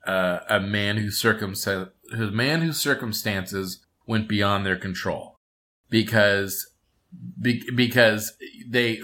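Bright-voiced man rambling with fillers. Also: lowish voice. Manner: rambling, halting with many fillers and restarts. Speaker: podcast co-host. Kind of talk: casual chat about a cartoon episode.

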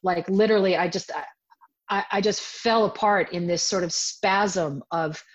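A woman in her forties, a self-defense teacher, telling a personal story in an interview in an animated way and breaking into voiced quotes of herself. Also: mid-range voice, moderate pace. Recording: dull lo-fi audio.

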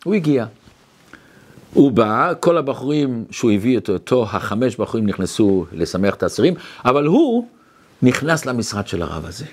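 A man's voice: mid-range voice, husky. A male rabbi telling a story in a talk, acting out the quotes as he goes. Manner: animated storytelling with acted quotes.

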